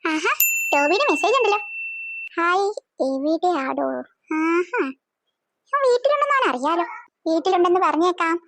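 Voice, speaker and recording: A woman voicing a sly teenage girl, a bossy elder sister who talks in a hushed, secretive way in a cartoon. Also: extremely high pitch, animated, normal speed, long pauses. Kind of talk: cartoon voice acting.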